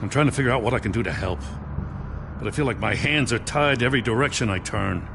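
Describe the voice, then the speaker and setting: An actor playing a weary, conscientious and frustrated police lieutenant in a video game. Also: male voice, mid-range voice, quick pace, gravelly, noisy background, close to an everyday voice. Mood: weary frustration.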